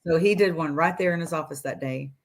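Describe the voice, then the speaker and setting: A low-voiced woman in her forties, appearing as a guest on a video call from home, recounts her story at a quick pace. She's relaxed and animated, imitating her doctors and slipping laughter in between phrases.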